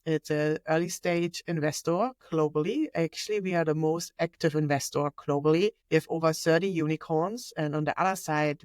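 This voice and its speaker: A woman with a low-pitched voice and a German accent speaks non-native English as a guest on an interview podcast. She's an innovation manager, talking eagerly and fluently in conversation despite small slips. There's no echo.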